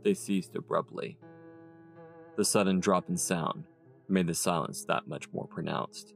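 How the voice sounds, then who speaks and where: A man narrates a dark story in a very low, gravelly voice. Soft instrumental music plays underneath his measured, dramatic reading. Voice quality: gravelly, very deep.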